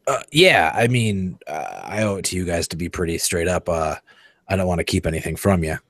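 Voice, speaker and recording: A man's voice: low voice, expressive, fairly quick, fairly bright tone, no echo, clean studio sound. A man running a tabletop role-playing game, casual and a bit tipsy, often laughing and restarting his sentences. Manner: laughing, loose, stumbling restarts. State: tipsy from wine. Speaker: game master. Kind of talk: narrating a tabletop role-play.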